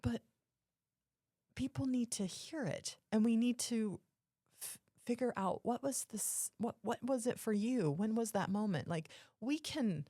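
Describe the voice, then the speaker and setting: A woman's voice: fairly high pitch, unhurried, mellow, no room sound, studio quality. A woman co-hosting a podcast, explaining her points casually and emphatically, often rephrasing them. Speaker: podcast co-host.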